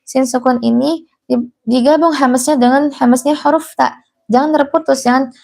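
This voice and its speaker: A woman teaching Quran recitation in a live class, chanting verses slowly and then explaining patiently, repeating the mistakes to avoid. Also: sits high, steady tone, gravelly, darkish tone.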